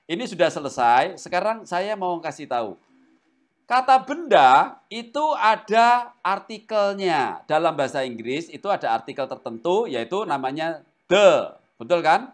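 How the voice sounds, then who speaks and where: A man's voice: on the high side, unhurried. A man teaching a Greek language class who keeps quizzing his students. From Indonesia. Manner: animated, asks the class questions often. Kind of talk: classroom lesson.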